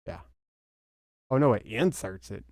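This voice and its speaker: A man's voice: on the low side, animated, measured pace, a little mellow, dry recording. A young man with a Southern US accent, thinking aloud and swearing at his mistakes as he writes code. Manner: muttering to himself, swearing at mistakes. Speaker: programmer streaming his work. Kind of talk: thinking aloud while coding.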